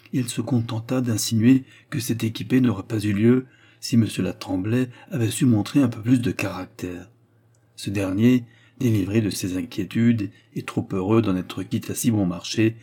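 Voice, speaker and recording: A man reading a novel aloud as an audiobook narrator, in a measured, even storytelling manner. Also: fairly low pitch, breathy edge.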